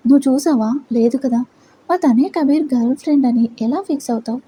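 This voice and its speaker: A woman's voice: sits high, fairly quick, mellow, slight background noise, close to an everyday voice, low-quality recording. A woman voicing a blunt young female employee who snaps in exasperation. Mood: teasing. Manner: snappy, exasperated.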